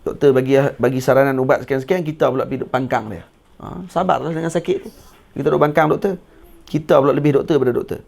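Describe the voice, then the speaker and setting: A male religious teacher with a Malaysian Malay accent and a gravelly voice. He reads Arabic text slowly and carefully, then explains it to his students in loose everyday speech, joking as he goes. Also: mid-range voice, darkish tone. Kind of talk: kitab study lecture.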